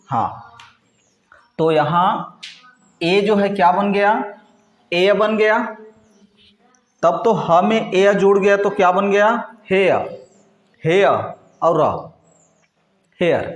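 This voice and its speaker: A man teaching a class slowly at a board, asking questions and answering them himself, with frequent checks that the class is following. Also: high-pitched, roomy sound. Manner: frequent "ठीक है" and "है नी" check-ins.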